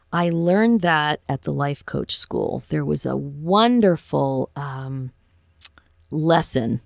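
A woman with a low, deep voice hosts a motivational podcast as a life coach. She talks earnestly and encouragingly and keeps asking her listeners rhetorical questions. The sound is close and dry, with no room around it. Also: vocal fry, no room sound.

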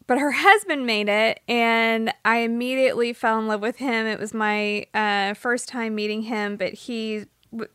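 A woman's voice: medium pitch, clear, resonant tone, no room sound, studio quality. A woman hosting a talk show, introducing her friend in a heartfelt, rambling way. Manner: warm-hearted, emotional, rambling. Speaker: host. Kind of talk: casual chat.

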